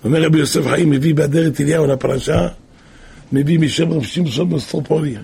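A man preaching, telling a moral story in an animated storytelling way with wide swings of pitch. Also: gravelly, slightly rough.

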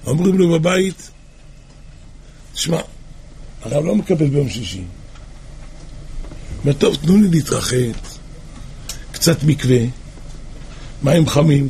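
A man with a high, gravelly voice preaches and tells a story with great drama, swinging from cries to near whispers. A faint hiss sits behind him.

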